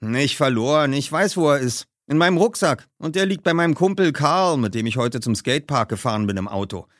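A man's voice: mid-range voice, lively intonation, brisk, fairly bright tone, no room sound, clean studio sound, voice pushed up, natural voice. A man voicing a boastful, offhand rich teenage skater boy. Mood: casual. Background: background music.

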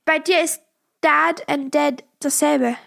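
A woman's voice: high-pitched, steady tone, slow pace, creaky, a bit bright. A young woman chatting casually with her parents on a podcast, teasing and hesitating with many restarts. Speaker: podcast co-host, daughter. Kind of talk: casual family chat.

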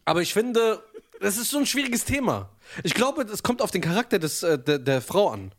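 A man's voice: sits high, big pitch swings, normal speed. A young man from Germany co-hosting a podcast in casual chat, rambling and hesitant, laughing in between. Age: young adult. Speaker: podcast co-host.

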